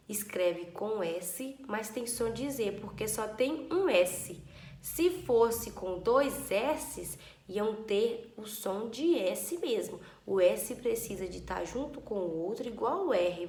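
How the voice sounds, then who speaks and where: A woman teaching young children a spelling lesson, patient and drawn-out, stretching words syllable by syllable. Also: medium pitch, roomy sound.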